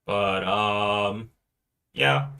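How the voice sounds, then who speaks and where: A man's voice: lowish voice, very slow, gravelly, sharp tone, clean tone. A man co-hosting a casual entertainment news chat, thinking aloud with fillers and restarts. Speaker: co-host.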